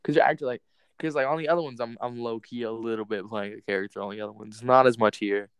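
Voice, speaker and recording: A man's voice: mid-range voice, steady tone, fast talker, clean tone, no echo, poor audio. A man hosting a casual podcast chat, rambling in a laid-back way and saying "bro" and "like" a lot. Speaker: podcast host.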